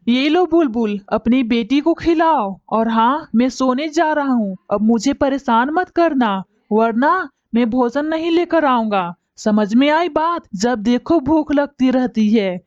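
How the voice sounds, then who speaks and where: A woman's voice: high-pitched, lively intonation, a little slow, hardly any pauses, a little mellow, no echo. A woman voicing a lazy, thieving male bird in a cartoon, grumbling and whiny. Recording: dull lo-fi recording.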